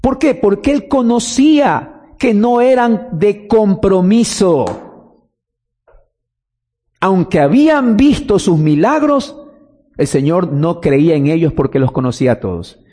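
A man's voice: high voice, sing-song, a little slow, dark tone. A man preaching a teaching sermon in Spanish, quoting scripture and answering his own questions. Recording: long reverb of a hall.

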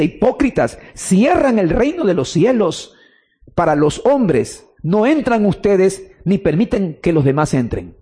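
A man's voice: sits high, warm tone, slightly rough. A man preaching a sermon with emphasis, repeating key phrases and putting questions to the listener.

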